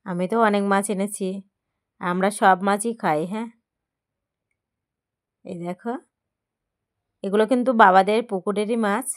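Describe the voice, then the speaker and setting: A woman's voice: mid-range voice, steady tone, measured pace, long pauses. A woman chats casually to viewers as she works, in simple, repetitive show-and-tell phrases. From Sundarbans region of West Bengal, India. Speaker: home vlogger. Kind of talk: casual chat to viewers while working. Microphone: phone held by someone else.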